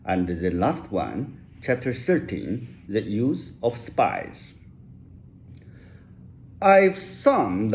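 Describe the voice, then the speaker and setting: Giving a rehearsed lecture in English, this Chinese-speaking author has a mid-range, darkish voice. He talks in a slow, deliberate way and occasionally begins a sentence over.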